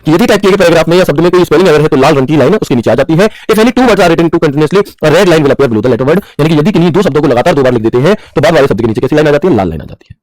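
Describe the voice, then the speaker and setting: Fast-talking man teaching with quizzing repeats. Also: on the high side, lively intonation, a little mellow, no echo, rough recording. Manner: repeats questions to the class and answers them; mixes English terms into Hindi, calls students bhaiya. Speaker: computer teacher. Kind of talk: screen-share tutorial lesson.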